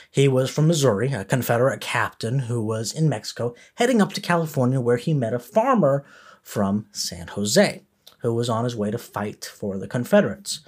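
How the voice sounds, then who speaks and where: A man's voice: medium pitch, darkish tone. A man hosting a podcast, narrating a history story with the occasional filler word. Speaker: podcast host.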